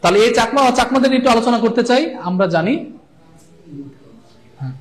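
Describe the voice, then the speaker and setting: High-voiced man drilling facts. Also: lively intonation, fast. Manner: repetitive, drilling key terms and checking in with viewers. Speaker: online exam tutor. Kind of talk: live-streamed lesson.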